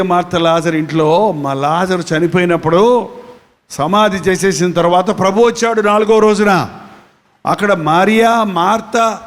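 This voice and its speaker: A man's voice: high-pitched, a bit bright, long reverb tail. A man preaching a sermon as a pastor, speaking with a Telugu accent, repeating phrases and putting questions to his listeners. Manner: repetitive, questioning the congregation.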